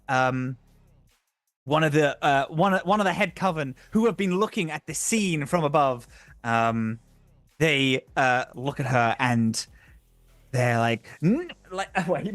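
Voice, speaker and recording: A man narrating as game master in a tabletop game stream, animated and laughing as he goes. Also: a little high, no echo. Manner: animated, laughing, restarts often.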